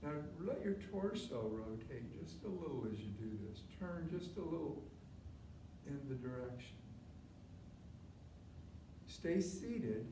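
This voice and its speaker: Man teaching tai chi, distant and echoey. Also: on the high side. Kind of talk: live movement instruction, step-by-step cues. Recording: distant mic, roomy echo, clear background noise.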